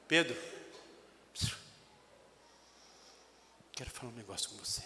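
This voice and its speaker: A preacher voicing the Lord as a calm, tender man, speaking low, slow and intimate. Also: a little hiss or hum. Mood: gentle. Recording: echoey church hall.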